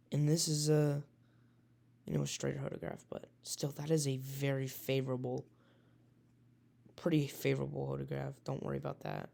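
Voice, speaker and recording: This is a raspy, mellow, medium-pitched man, an amateur weather fan who talks casually through a forecast while stumbling and fixing his own words.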